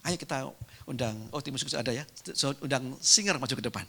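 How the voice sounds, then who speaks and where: Bright-voiced man preaching animatedly. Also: mid-range voice, quick pace, creaky, husky. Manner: animated storytelling, addresses the congregation directly. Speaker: pastor. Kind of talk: sermon. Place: church.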